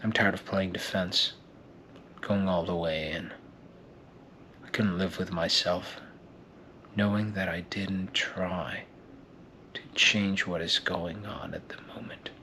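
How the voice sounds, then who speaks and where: A weary, determined man makes a hushed, intense vow to change, as a man acts out an improvised scene. His voice sits fairly low and stays quiet and steady. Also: takes it slowly, pauses often, slight background noise, heavily acted. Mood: resolute. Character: weary, determined grown man vowing to save himself.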